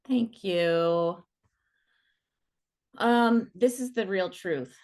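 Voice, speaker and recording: A middle-aged woman, a coach leading an online workshop, talking in a casual, animated and playful way. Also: mid-range voice, drawn-out words. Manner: animated and playful, many fillers like "like".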